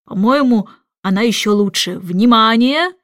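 A forgetful, boastful storybook king who hates his lessons draws out every word with slow pomp, as a woman reads him. The voice sits fairly high, and the dry close sound has almost no room echo. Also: animated, fairly bright tone. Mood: overjoyed, singsong. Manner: slow, drawn-out, pompous delivery.

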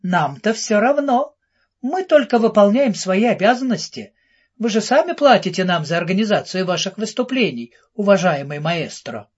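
A man's voice: high voice, sing-song, moderate pace, slightly rough, muffled recording, voice pushed up, heavily acted. A man voicing a cold, condescending female manager who speaks with mock sweetness, in an audiobook. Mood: sarcastic.

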